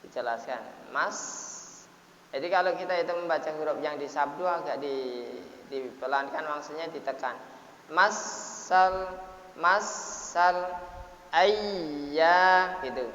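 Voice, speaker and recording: A man teaching Quran recitation rules, explaining in short broken phrases and drawing words out slowly to demonstrate, often clearing his throat. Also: fairly high pitch, fairly bright tone. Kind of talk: tajwid lesson, explaining and modeling recitation. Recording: echoey, hissy, dull lo-fi room recording.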